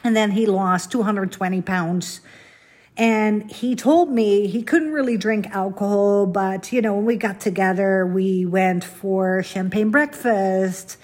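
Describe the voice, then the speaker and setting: A woman's voice: mid-range voice, steady tone, a little slow, a little mellow. A middle-aged woman from the Netherlands, hosting a podcast in a candid, rambling, self-deprecating solo monologue. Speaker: podcast host.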